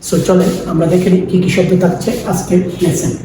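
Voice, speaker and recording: A man with a Bangladeshi accent teaching English pronunciation, repeating each word slowly and mixing English words into his talk. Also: high-pitched, level tone, very echoey, far from the mic, background noise. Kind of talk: language lesson.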